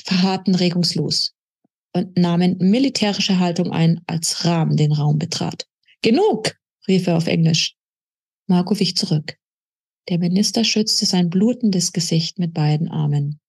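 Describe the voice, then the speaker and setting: A woman author reading aloud from her own novel in a steady, measured narrating manner. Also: on the low side, slightly rough.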